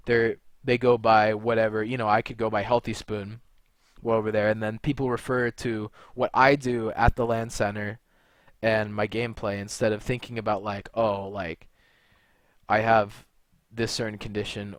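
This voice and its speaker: Speaking straight to camera without a script, this gamer and video maker from California comes across as young, blunt and meandering, often restarting sentences and leaning on filler words. The recording is dry, and his voice runs on the low side.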